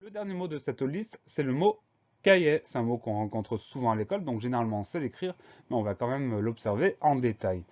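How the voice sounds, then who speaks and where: Man, teacher, spelling lesson, slow deliberate letter-by-letter spelling, mid-pitched voice, slightly dull lo-fi sound. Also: animated, a little mellow.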